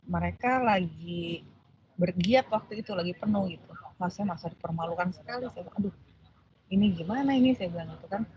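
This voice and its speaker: A woman lecturer recounts a personal story to her class in a lively, animated way. She acts out the voices of the people in it and fills the gaps with hesitations. Faint noise sits under her voice. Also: medium pitch. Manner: animated storytelling, acting out quoted voices, frequent fillers. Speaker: law lecturer.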